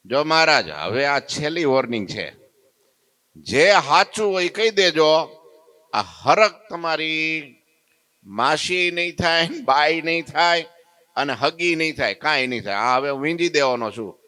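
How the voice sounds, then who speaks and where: A man's voice: sits high, expressive, normal speed, sharp tone, no room sound, pitched above the performer's own voice, full character voice. A man voicing a simple, bold village man who bluntly demands answers from his lord, in a raised voice.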